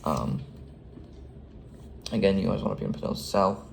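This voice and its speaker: Hesitant male dispatcher, very deep fry-heavy voice, noisy recording with radio beeps. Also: moderate pace. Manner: hesitant, frequent ums and restarts. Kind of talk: casual how-to tutorial.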